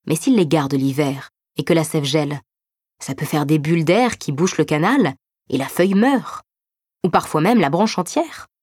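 Woman voicing a gentle, reassuring big brother. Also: sits low, moderate pace, slightly rough, no room sound, studio quality. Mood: patient explaining. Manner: patient, explanatory. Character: gentle, reassuring older brother explaining patiently.

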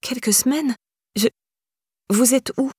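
A desperate young woman begging for help, as a woman narrator puts her on, raised in pitch and a little strained. She sounds defensive and needy in a dry, close storybook reading. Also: slow, a little mellow, breathy edge, dry recording, exaggerated voice. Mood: pleading. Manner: pleading, higher and tenser.

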